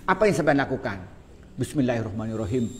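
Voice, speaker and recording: A man's voice: mid-range voice, lively intonation, normal speed. A middle-aged man giving a religious lecture to a live audience, chatty and joking, often asking the listeners questions. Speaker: Islamic preacher.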